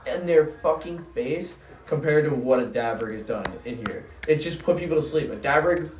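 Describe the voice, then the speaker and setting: A man's voice: fairly high pitch, normal speed, darkish tone, distant mic. A young man chatting casually like a frat bro, full of slang and swearing. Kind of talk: casual chat. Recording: echoey room, off mic.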